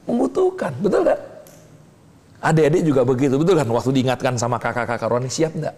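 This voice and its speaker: A man preaching an animated sermon to a class, constantly asking questions and waiting for the room to answer. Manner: keeps asking the audience "betul tidak?" and pausing for answers; animated, swings between high exclamations and low asides. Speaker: preacher teaching a discipleship class. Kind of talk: lively sermon with call-and-response questions. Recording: long hall reverb.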